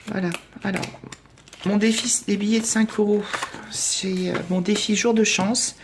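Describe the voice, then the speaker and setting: A woman's voice: medium pitch, fairly even intonation, unhurried, background noise. Chatty woman counting her savings. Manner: chatty, self-deprecating, lots of hesitations and counting aloud. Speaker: budget vlogger. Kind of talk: casual chat while doing savings challenges.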